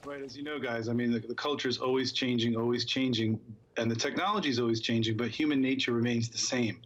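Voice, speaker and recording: A man's voice: mid-range voice, steady tone, fast, lo-fi sound. A man being interviewed on a TV talk show, explaining with upbeat fluency. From Philadelphia area. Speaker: guest spokesperson. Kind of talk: TV studio interview.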